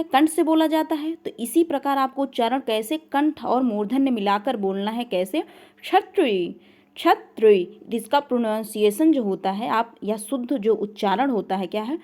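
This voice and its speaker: A woman's voice: sits high, a little mellow. A woman teaching an online grammar lesson, asking the learners questions and then answering them herself, over and over. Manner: repeats questions and makes the learner answer back. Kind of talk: online class lecture.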